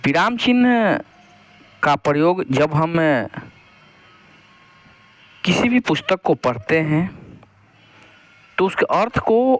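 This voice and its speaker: Slow, patient male Hindi teacher. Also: a little high. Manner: slow, explains step by step, asks questions then answers them; reads example sentences slowly and deliberately. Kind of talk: Hindi grammar lesson.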